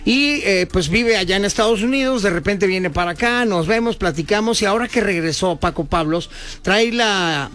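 A man with a Mexican accent hosting a casual radio interview, chatty and relaxed. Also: high-pitched, moderate pace, soft background music. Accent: Mexican Spanish. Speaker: radio host.

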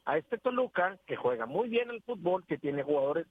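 High-voiced man calling in by phone. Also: very animated, moderate pace. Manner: earnest, repeats words while searching for them. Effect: heard over a phone line. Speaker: caller to a sports radio show. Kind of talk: phone-in football opinion. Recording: tinny phone line with faint hiss.

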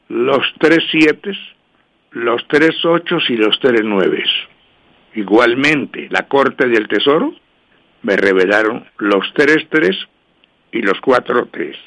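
Reading lottery numbers by star sign on a call-in radio show, this male host and numerologist talks in fast, repetitive patter, then eases way down so each number can be jotted down. His pitch is average for a man, a bit bright, with some vocal fry.

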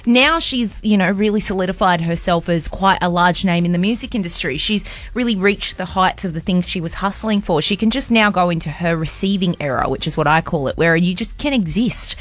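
A woman's voice: fairly low pitch, a little fast, no echo. An Australian woman hosting radio in a chatty, colloquial, casual way. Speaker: radio host. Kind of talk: casual radio chat and live ad reads.

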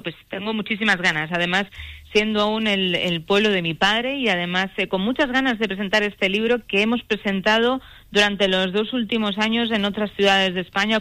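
A middle-aged woman from Spain, an author speaking as a guest in a radio phone interview, measured and earnest with some hesitations. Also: medium pitch, pushed and bright, dry recording.

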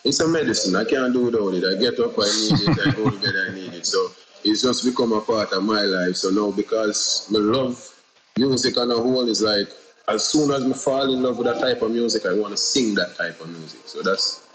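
A man's voice: fairly low pitch, fairly quick, a crowd in the background, low-quality recording. A man from Jamaica with a Jamaican accent, a singer talking casually in an interview, rambling with lots of "you know"s. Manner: laid-back, rambling, many "you know"s.

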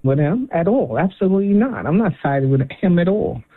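A woman's voice: lowish voice, lively intonation, fairly quick, husky. A woman calling into a radio show, rambling and defensive about her point. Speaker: radio caller. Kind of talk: phone call-in. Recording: tinny phone line.

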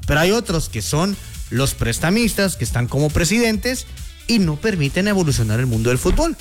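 A man co-hosting a sports talk show, speaking in an animated, excitable way with halting restarts. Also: fairly high pitch, faint music behind. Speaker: sports commentator. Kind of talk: casual talk show chat.

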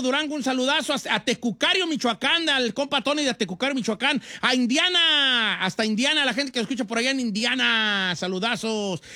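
A man's voice: extremely high pitch, bright, forceful tone, dry recording, studio quality. A man with a Mexican accent hosting a live radio show, joking around in a playful, slangy, folksy way. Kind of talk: casual live radio chat.

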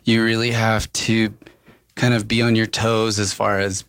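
Young guy from new mexico, lowish voice, thinking out loud with lots of "like". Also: level tone, a little slow. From rural New Mexico. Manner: thoughtful, searching with fillers like "like". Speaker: quartet musician guest. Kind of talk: casual radio interview answers.

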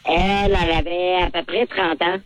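Male caller, voice-modified over the phone, halting delivery. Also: high voice, level tone, fairly bright tone. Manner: hesitant, halting confessions. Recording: heard over a phone line.

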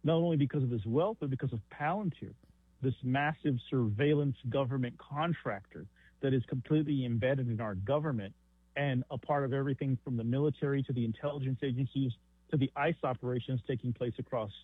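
Man, husky voice, AM-radio-like tinny phone sound, dry, explaining at length. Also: mid-range voice, a little fast, no echo. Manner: long explanatory answers with occasional fillers. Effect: thin, narrow AM-radio-like sound. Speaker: author and journalist guest. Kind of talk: radio interview answer.

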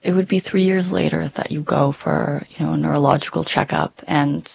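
A man interviewing a guest, asking measured, probing questions. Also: fairly high pitch, fairly even intonation, gravelly, slightly rough. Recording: dry, dull lo-fi sound.

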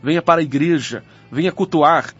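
A man's voice: fairly high pitch, fairly quick, a bit bright, breathy edge, soft background music. A man reading a church radio schedule, urging listeners earnestly to come to services. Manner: earnest, urgent invitation. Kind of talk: scripted radio announcement. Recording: dull lo-fi radio sound.

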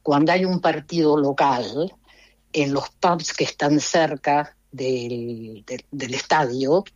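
A woman's voice: sits low, a little mellow, dry recording, muffled recording. A middle-aged Argentine woman with an Argentine Spanish accent, talking as an interview guest from abroad, hesitant and full of restarts. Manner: hesitant, halting, many restarts.

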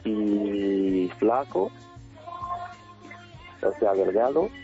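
A man's voice: lowish voice, lively intonation, drawn-out words, warm tone, soft background music. A man in his twenties from Haiti, calling into a radio dating segment and giving shy, brief answers. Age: 20s. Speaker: caller, dating contestant. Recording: tinny phone line.

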